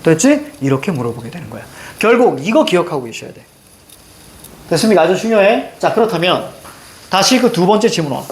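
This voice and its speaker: A middle-aged man teaching a reading lesson, emphatic and constantly quizzing his students with quick check-in questions. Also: high voice, sing-song.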